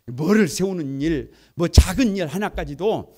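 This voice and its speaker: A male pastor preaching a lively sermon and leading the congregation in reading scripture aloud, moving between quiet asides and loud exclamations. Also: a little high, normal speed. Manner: animated, swings from soft asides to loud exclamations.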